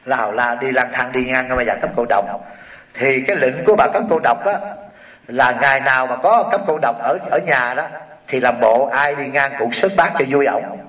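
A man with a Southern Vietnamese accent telling a Buddhist story as a sermon, animated and addressing the audience directly. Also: medium pitch. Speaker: Buddhist preacher. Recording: roomy hall, distant mic, dull sound.

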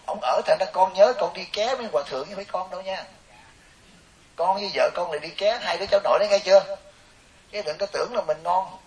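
A man's voice: high voice, quick pace. A man, a Buddhist monk giving a joking, storytelling dharma talk to lay listeners. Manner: animated, joking, storytelling with quoted voices. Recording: hissy distant recording.

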